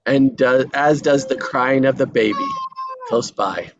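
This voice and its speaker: A man with a mid-range voice reads the action lines of a screenplay a little slowly at a table read, at times tripping over and repeating words. The recording is dry, dull, and lo-fi, with background noise.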